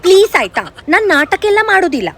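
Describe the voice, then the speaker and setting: A woman's voice: very high-pitched, big pitch swings, fast, loud music behind the voice, exaggerated voice. A woman playing a vain, fussy, overly sensitive young woman in a comedy sketch, talking in an affected, dramatic way and mixing English in. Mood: prissy, dramatic.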